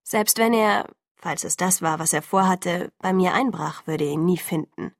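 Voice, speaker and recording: A woman calmly narrating a first-person audiobook in an even storytelling manner. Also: fairly low pitch, moderate pace, no echo, clean studio sound.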